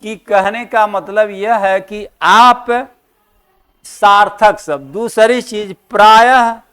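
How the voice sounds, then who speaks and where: A male teacher giving an exam-prep lesson, asking the class questions and answering them himself, and repeating key terms slowly for emphasis. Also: sits high, pushed and bright, smooth.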